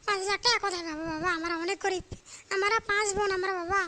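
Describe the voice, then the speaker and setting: Woman doing a poor, timid cartoon bride begging her in-laws, with a very high, bright voice and quick pleading talk. She sounds apologetic throughout. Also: fairly even intonation, a little hiss or hum. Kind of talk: comic cartoon voice acting.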